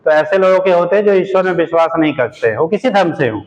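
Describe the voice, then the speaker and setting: A man's voice: on the high side, animated, fast, highs cut off. A male physics teacher giving a classroom lecture, addressing his students as "beta" and repeating his questions for them to answer.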